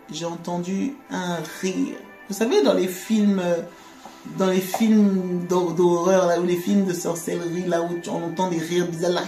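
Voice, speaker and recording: A woman giving a conversational faith testimony, animated, laughing often and repeating words. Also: fairly low pitch. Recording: echoey room with faint music.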